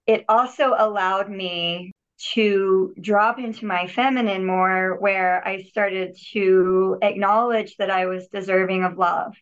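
Heard in dull lo-fi audio, a woman with a medium-pitched, steady, clean-toned voice talks slowly with few pauses. She's a podcast guest, a healer and yogi, reflecting earnestly on her own healing and repeatedly restarting and repeating words.

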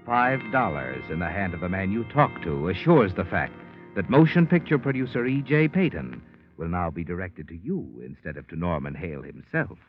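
A man with a deep voice and big pitch swings narrates a 1940s radio drama at normal speed, addressing the listener as "you" in a knowing, insinuating way. The sound is tinny, lo-fi old radio with faint music.

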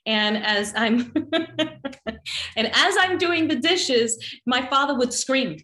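A woman's voice: high voice, animated, slow, sharp tone. A middle-aged woman from the Dominican Republic, talking earnestly about her life as a guest in a conversation, laughing often. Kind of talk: personal conversation. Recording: echoey room.

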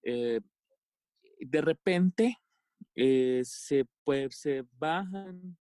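A man from El Salvador with a Salvadoran accent, telling a personal story as a podcast guest in a halting way, with many fillers and restarts. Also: on the high side, animated, dark tone, dry recording, clean studio sound. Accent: Salvadoran Spanish.

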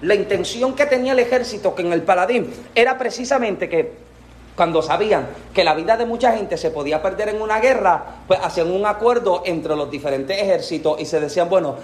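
A man preaching a sermon with a Puerto Rican accent, animated and acting out voices from the story. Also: sits high. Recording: echoey room from a distance.

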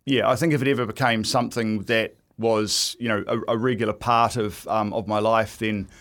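A man's voice: on the low side, fairly even intonation, normal speed, a bit bright. A middle-aged man chatting casually as an interview guest, in a stop-start, self-deprecating way. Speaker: guest, event ring announcer. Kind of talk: casual radio interview chat.

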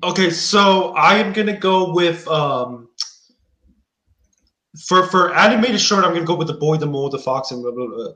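A man's voice: fairly high pitch, lively intonation, normal speed, sharp tone. A man hosting a casual chat about award predictions, thoughtful and hedging with frequent restarts. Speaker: podcast host. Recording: echoey room.

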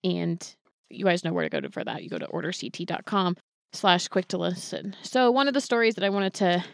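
Low-voiced woman hosting a podcast. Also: very animated, a little fast, creaky, no room sound, studio quality. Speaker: podcast host and producer.

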